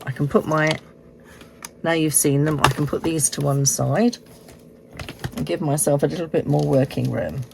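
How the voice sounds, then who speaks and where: This woman hosts a card-making tutorial at an indoor craft desk, giving a casual craft demonstration. Recovering from an illness, she sounds hoarse and froggy in a low register, explaining step by step in an unhurried way, with faint room noise in the background.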